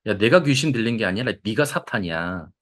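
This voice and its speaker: A man's voice: animated, brisk, close to an everyday voice. A man voicing a stern male teacher who firmly rebukes his disciple. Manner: firm, low rebuke.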